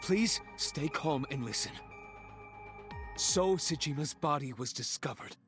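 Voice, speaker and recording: An actor playing a grave, careful male colleague in a video game, speaking in a serious, measured and hesitant way. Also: a little high, animated, music in the background.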